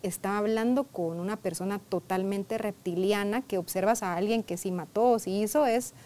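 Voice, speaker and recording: A woman therapist recounts a case in an easy conversational way. She keeps checking in with "right?" and "I mean" as she goes. She slips into the voices of the people in her sessions. Her voice sits at an ordinary, mid-range pitch. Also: normal speed, dark tone. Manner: conversational, peppered with "¿verdad?" and "o sea"; re-enacts dialogue from sessions. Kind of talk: storytelling in a conversational interview.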